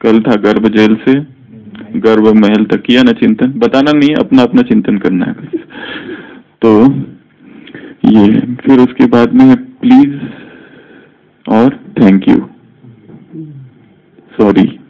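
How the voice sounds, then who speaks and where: Man, spiritual discourse, very slow measured delivery, muffled lo-fi sound. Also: mid-range voice. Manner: slow, measured teaching with many English words mixed in. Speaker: spiritual teacher. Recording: dull lo-fi recording.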